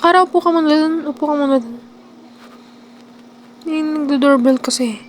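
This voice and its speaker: A young woman vlogger narrating a horror game role-play, excitable, with sudden screams and quiet asides. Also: high-pitched, normal speed, a little hiss or hum.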